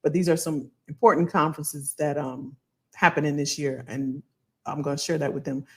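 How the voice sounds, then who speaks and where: A woman hosting a casual livestream as a financial coach, animated and colloquial, repeating phrases for emphasis. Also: sits low, normal speed. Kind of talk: casual livestream talk to viewers.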